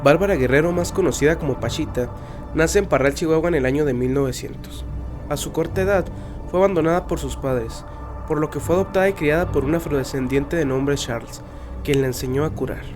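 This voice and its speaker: Higher-pitched man, dramatic horror-trailer narration. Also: a little fast. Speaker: podcast narrator. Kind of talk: scripted horror-mystery podcast narration. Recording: music bed under the voice. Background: music.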